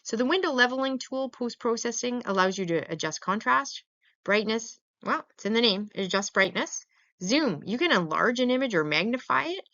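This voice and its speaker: Her voice fairly high, animated and bright at a normal speed, a lecturer teaches veterinary radiography in an easygoing, conversational way. Short questions to her students come up often, and the voice-over recording sounds dull and lo-fi.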